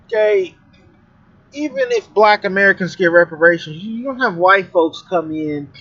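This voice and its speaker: A man on a call makes his case in a loose, rambling way, blunt and profane. His voice sits high for a man. The sound is dull and lo-fi. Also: expressive, moderate pace, pushed and bright. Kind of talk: casual heated chat.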